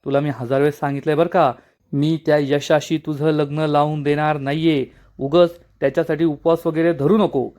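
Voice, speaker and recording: A man's voice: a little high, level tone, moderate pace, darkish tone, close to an everyday voice. A stern middle-aged village mother who scolds harshly and won't budge, as a male narrator puts her on. The voice stays close to the narrator's own, slightly raised, with a clipped, angry bite.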